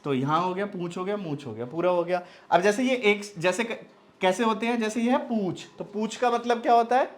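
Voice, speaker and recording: Man drilling nasal sounds in a lesson. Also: high-pitched. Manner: quizzes and answers himself, repeating words slowly and drawing out nasal sounds; often checks understanding with short questions. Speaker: teacher. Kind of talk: spoken language lesson.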